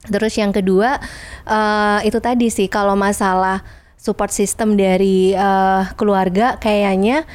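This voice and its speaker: A woman's voice: medium pitch, steady tone, measured pace, a little mellow. Woman psychologist, thoughtful hedging chat. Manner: thoughtful, hedging with many fillers and "gitu ya" tags. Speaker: clinical and family psychologist guest. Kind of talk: casual podcast chat.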